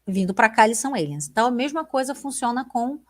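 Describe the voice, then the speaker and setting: A Brazilian woman with a Brazilian accent, teaching an exam-prep lesson in a chatty, enthusiastic way and slowing down to read English lines. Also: on the high side, expressive. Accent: Brazilian Portuguese.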